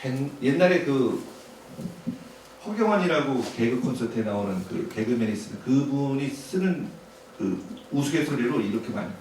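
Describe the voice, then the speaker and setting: A man's voice: mid-range voice, animated, moderate pace, a little mellow. A middle-aged man giving a conversational public lecture to parents, often asking the audience rhetorical questions. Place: lecture hall. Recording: very echoey hall, distant mic, faint noise.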